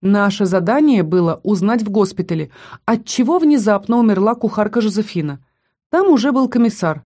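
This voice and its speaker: A woman voicing a brisk, matter-of-fact young female student in an audiobook, retelling events in a chatty, blunt way. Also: mid-range voice, animated, a little mellow, natural voice.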